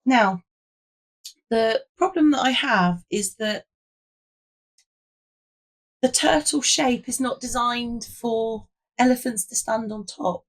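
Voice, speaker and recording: A British woman hosting a casual, chatty craft vlog with a hoarse, croaky frog voice, as if she has nearly lost it. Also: on the high side, takes it slowly, long pauses, poor audio. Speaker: host of a craft video.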